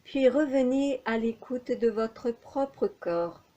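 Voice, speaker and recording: Here a woman instructs listeners through yoga nidra, her slightly high voice calm and soothing. She delivers each instruction in a measured way, followed by long pauses.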